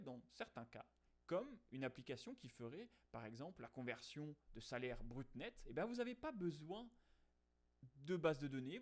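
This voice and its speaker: A man hosting a casual coding tutorial, explaining in a lively way with fillers and quick self-corrections. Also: mid-range voice. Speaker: programming tutorial host.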